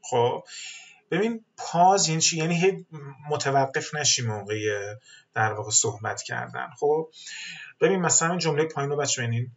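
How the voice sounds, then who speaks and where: Male webinar teacher, patient explainer with filler pauses, mid-pitched voice, dull lo-fi audio. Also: animated, vocal fry. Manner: explains patiently, mixes English terms into speech, frequent filler pauses. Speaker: English teacher. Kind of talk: webinar lesson.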